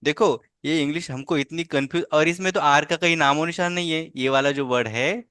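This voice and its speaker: Over a video call, a patient language teacher coaxes a young student through an online tutoring lesson, often tossing in little tag questions to check in. His voice sits on the high side, brisk and fairly bright, and the recording is clean, dry and studio-like.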